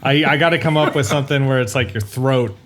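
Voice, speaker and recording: A man co-hosting a podcast while hoarse from illness, animated and stammering in casual chat. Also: mid-range voice, fast talker, a little hiss or hum. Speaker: podcast co-host.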